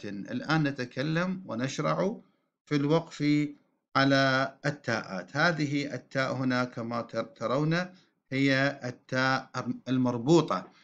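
A man's voice: medium pitch, a bit bright. Guy teaching a class, explains step by step and drags out the example words, kinda muffled lo-fi sound. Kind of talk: classroom grammar lesson. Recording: dull lo-fi recording.

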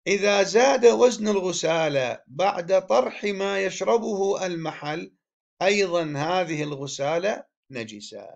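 A man's voice: on the high side, gravelly, highs cut off. A man teaching a religious law text, explaining step by step and posing questions to his students before answering them himself.

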